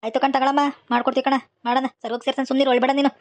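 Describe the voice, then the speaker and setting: A woman's voice: sits high, flat delivery, very fast, no room sound, voice pushed down. A woman doing a brusque village man. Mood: reassuring. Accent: rural Malnad Kannada. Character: gruff village man consoling widow.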